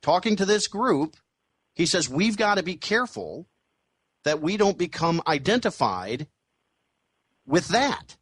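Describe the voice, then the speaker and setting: A man of fifty hosting a radio interview, probing his guest in a halting way with many fillers and restarts. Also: high-pitched, very animated, a bit bright, husky, dry recording. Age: 50s. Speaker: radio talk show host.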